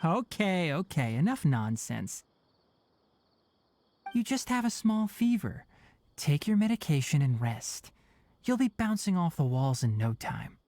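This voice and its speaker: A voice actor playing a calm, brisk young male forest ranger and healer who is caring but firm. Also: fairly high pitch. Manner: brisk, level-headed and caring. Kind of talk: video game voice acting.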